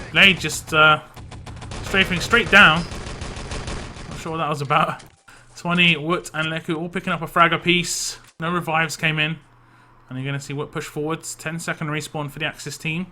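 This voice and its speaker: An esports caster calls a video game match live, tired and losing his voice, with frequent fillers and quick self-corrections. His voice is fairly high, pushed and bright, with slight background noise.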